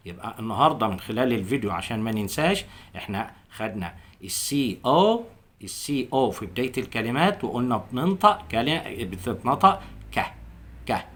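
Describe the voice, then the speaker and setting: An Egyptian man teaches beginners English phonics. He speaks Egyptian Arabic with a very lively, swooping pitch, and he repeats each English word slowly, several times over, so students can copy it.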